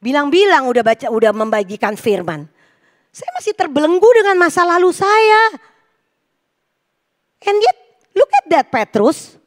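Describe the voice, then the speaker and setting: High-voiced middle-aged woman preaching. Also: measured pace, long pauses. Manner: lively, joking storytelling with the congregation. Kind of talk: sermon. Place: church service.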